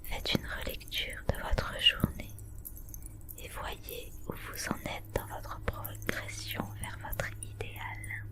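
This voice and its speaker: A woman whispers softly and breathily in an ASMR style, giving measured, instructional wellness advice in short phrases.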